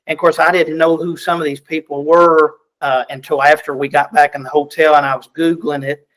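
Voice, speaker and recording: A man's voice: on the high side, little pitch movement, brisk, a bit bright, poor audio. A middle-aged man with a Southern US accent, a country duet singer chatting in an interview with folksy, self-deprecating talk and frequent repeated word starts. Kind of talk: casual interview chat.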